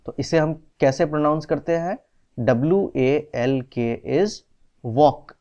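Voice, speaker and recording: A male teacher giving a classroom lesson in a slow, patient way, mixing Hindi and English and spelling words out letter by letter. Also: fairly high pitch, darkish tone. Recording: dull, slightly lo-fi recording.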